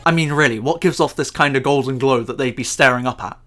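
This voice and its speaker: A man's voice: mid-range voice, fast talker, fairly bright tone, faint music behind. A man ranting about a film in sarcastic, profane, exasperated commentary. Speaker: YouTube commentator.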